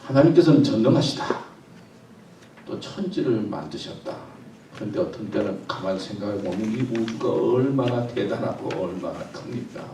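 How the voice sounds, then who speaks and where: Animated pastor preaching in an echoey church. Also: male voice, fairly low pitch, moderate pace, distant mic, a little hiss or hum. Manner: animated storytelling, acting out God's delighted voice. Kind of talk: sermon. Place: church sanctuary.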